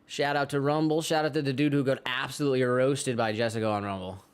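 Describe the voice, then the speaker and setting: Easygoing man doing stream shout-outs. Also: mid-range voice, steady tone, clean tone. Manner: easygoing, chatty, drawn-out fillers. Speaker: livestream co-host. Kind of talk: casual chat and chat shout-outs. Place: pottery studio.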